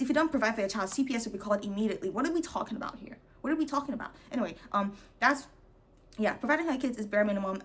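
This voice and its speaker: A woman giving blunt hot takes in a casual monologue to camera, sassy and mocking, calling the viewer "babes" and laughing often. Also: medium pitch. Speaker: vlogger sharing opinions.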